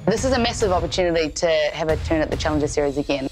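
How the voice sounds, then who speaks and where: A woman's voice: deep voice, animated, racing, darkish tone, faint music behind. A woman in her twenties with a New Zealand accent, talking casually and cheerfully in a documentary interview about her fighting career. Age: 20s. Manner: casual, upbeat, laughs easily. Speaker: MMA fighter.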